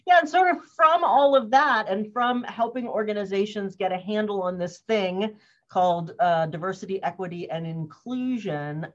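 Lady in her 50s chatting casually, stops and restarts a lot, muffled sound. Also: on the low side. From US, grew up in Cambridge, Massachusetts. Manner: thoughtful, loose, with many fillers and restarts. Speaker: guest, organizational wellness consultant. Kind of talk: casual interview talk.

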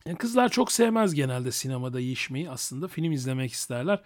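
A man's voice: medium pitch, very animated, fairly quick. A man hosting an unscripted solo podcast, talking in a crude, boastful, joking way and often chuckling. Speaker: podcast host.

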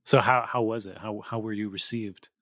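A man's voice: on the low side, steady tone, normal speed, a bit bright, no echo, studio quality. A man hosting a podcast, asking his guest short prompting questions. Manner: brief prompting questions and backchannels. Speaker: podcast host. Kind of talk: interview questions.

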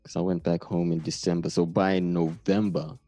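A man's voice: low-pitched, level tone, moderate pace, dark tone, soft background music. A man in his thirties from Namibia with a Namibian accent, telling stories in a laid-back, rambling way during a casual conversation. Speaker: guest.

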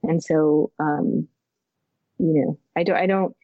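A woman co-hosting a podcast in casual, reflective chat, thinking aloud with halting restarts and fillers. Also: low voice, fairly even intonation, vocal fry, dry recording, narrow, tinny audio. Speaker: podcast co-host.

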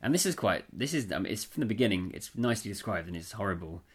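Low-voiced man retelling a story. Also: lively intonation, fast talker, slightly rough. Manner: laughs often, retells scenes with quoted dialogue. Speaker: podcast co-host. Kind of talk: casual chat about horror fiction.

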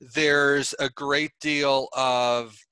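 Man, podcast host, film commentary chat, stop-start delivery, bright tone, close dry sound. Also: mid-range voice, little pitch movement, clean tone, no echo. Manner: halting, many repeated words and restarts.

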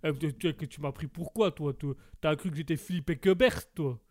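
A man's voice: a little high, normal speed, a little mellow, dry recording, clean studio sound, close to an everyday voice. A man voicing a dim, quarrelsome young slacker who talks in slangy, slurred phrases full of fillers, in a comedy sketch. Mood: scornful. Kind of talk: comedy sketch, one performer doing two voices.

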